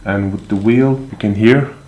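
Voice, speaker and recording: In an echoey room full of handling clicks and noise, a man with a lowish, dark-toned voice talks at normal speed through a casual product walkthrough. As a reviewer unboxing and demonstrating the items, he's informal and offhand, thinking out loud while he handles them.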